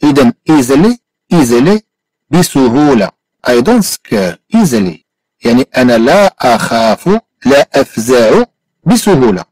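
Moroccan man teaching English slowly. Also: mid-range voice, darkish tone, dry recording, low-quality recording. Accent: Moroccan Arabic. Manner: slow careful repetition of English phrases. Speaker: language teacher. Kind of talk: bilingual English lesson.

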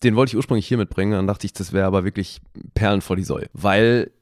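A man hosting a podcast, talking about a film in a relaxed, rambling way. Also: on the low side, fast talker, dry recording, clean studio sound. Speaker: podcast host. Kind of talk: casual film podcast chat.

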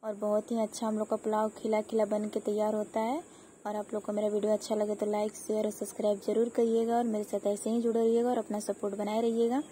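A woman's voice: medium pitch, monotone, fast, mellow, a little hiss or hum. A woman hosting her home cooking channel, explaining each step in a chatty, repetitive way while she cooks in her kitchen, filmed on a phone. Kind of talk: casual cooking tutorial.

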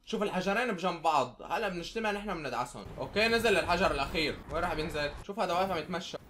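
A young man from Syria with a Syrian Arabic accent, commentating his own gameplay live, excitable and often shouting or pleading at other players. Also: fairly high pitch, very fast, a little hiss or hum. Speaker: gaming YouTuber.

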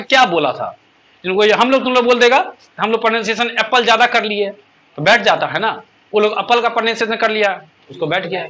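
Rough audio captures a male English teacher running a lesson in class. His voice is high-pitched and bright, and he keeps questioning his students while going through each point.

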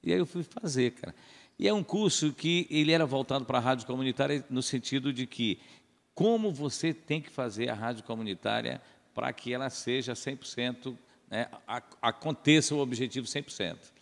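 Casting note: gravelly radio announcer, podcast guest, chatty storyteller, reverberant room. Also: male voice, medium pitch, normal speed. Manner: rambling, animated storytelling. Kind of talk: casual storytelling.

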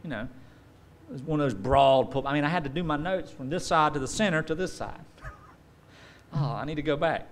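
A fairly high-pitched man in his forties speaks briskly, pausing often. He's a pastor preaching from a lectern on a church stage with a dark curtain, telling animated stories and acting out the voices of people he quotes. A stand mic at the lectern picks him up.

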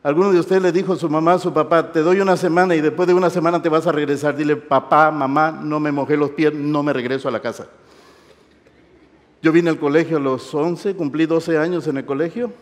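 A middle-aged man preaching to university students, animated, swinging from loud exclamations to soft intimate asides. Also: on the high side, a little fast. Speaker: pastor. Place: large hall. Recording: reverberant hall.

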